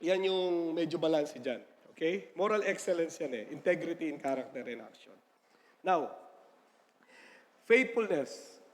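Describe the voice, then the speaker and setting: High-voiced joking pastor in a reverberant church. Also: male voice, expressive, a little slow, long pauses, slight background noise. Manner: chatty and joking, often asks the congregation "Amen?"; mixes in English definitions. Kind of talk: sermon. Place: church sanctuary. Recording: long church-hall reverb.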